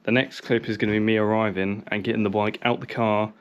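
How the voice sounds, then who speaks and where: Speaking fast and flatly in a lowish voice, a young man gives casual, matter-of-fact vlog-style narration while fixing bikes in a car, sheds and a yard. The recording lacks high frequencies and carries a slight hiss or hum.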